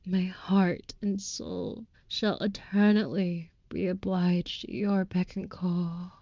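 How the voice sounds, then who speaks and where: In an intimate audio roleplay, a woman voices a tender female vampire lover, utterly devoted and ornately romantic, with a reverent, adoring mood. Her lowish, mellow voice is soft and breathy, slipping into whispers, moving slowly with little pitch movement through florid, archaic formal phrases. The sound is close, dry, slightly dull, with no echo.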